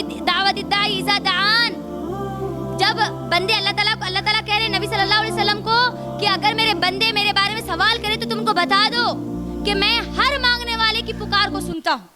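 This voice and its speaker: A woman giving a sermon to a women's gathering, quizzing the audience and repeating phrases for emphasis. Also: very high-pitched. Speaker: religious lecturer. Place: function hall. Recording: music audible behind speech.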